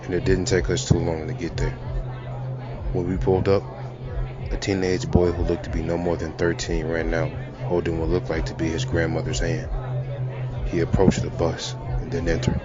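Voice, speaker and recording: Deep-voiced man narrating a horror story. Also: completely flat delivery, moderate pace. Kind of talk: first-person horror narration. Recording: lo-fi with music and crowd sound.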